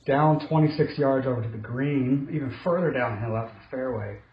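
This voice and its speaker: A middle-aged man talks through his own golf shots like a casual commentator, low-key and hard on himself. His medium-pitched voice sits in a roomy indoor echo, a little dull, with faint noise behind it. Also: brisk. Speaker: golfer narrating his own simulator round. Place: indoor home golf simulator room.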